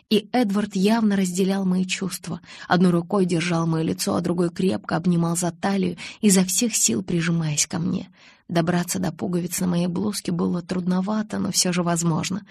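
A woman's voice: on the low side, fairly even intonation, moderate pace, gravelly, darkish tone, slightly rough, dry recording. A woman narrating a first-person romance audiobook in an intimate storytelling manner. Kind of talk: scripted narration.

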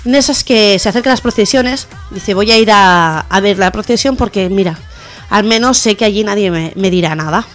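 A woman hosting a radio comedy show, telling jokes in a lively way and acting out the characters with quick pitch jumps. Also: soft background music.

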